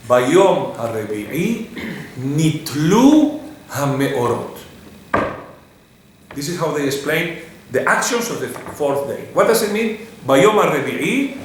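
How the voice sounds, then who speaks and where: A man with a somewhat high voice teaches a Torah class and keeps putting questions to his listeners. His sentences come in halting restarts. The room is strongly echoey, with faint noise in the background. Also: fairly bright tone.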